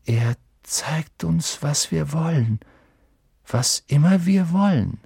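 A man's voice: medium pitch, expressive, slow pace, gravelly, a little mellow, breathy edge, no room sound, studio quality, pitched above the performer's own voice, heavily acted. Harry, a man doing an earnest young boy.

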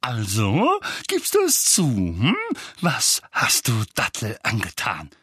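A man's voice: medium pitch, huge pitch swings, takes it slowly, sharp tone, husky, no room sound, studio quality, heavily acted. A man voicing a blustering, furious middle-aged uncle who barks and bellows at his nephew. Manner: bellowing, barking.

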